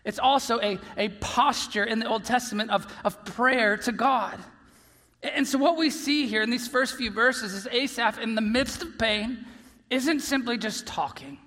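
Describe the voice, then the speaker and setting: Bright-voiced pastor preaching in a reverberant hall. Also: male voice, very high-pitched, normal speed. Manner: earnest, swings between soft near-whispers and loud emphasis. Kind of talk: sermon. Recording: long reverb of a large hall.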